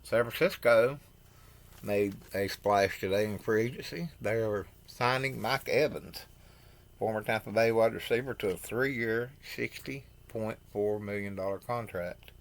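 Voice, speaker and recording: A man hosting a football news show, reading signings from his notes with halting pauses, stumbling over names and adding blunt opinions. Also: fairly low pitch. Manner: opinionated asides. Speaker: host.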